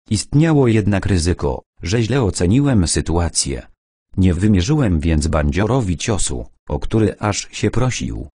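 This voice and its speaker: A man reading a first-person adventure audiobook aloud in an expressive, wry storytelling manner. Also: deep voice, slightly rough, no echo, clean studio sound. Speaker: audiobook reader.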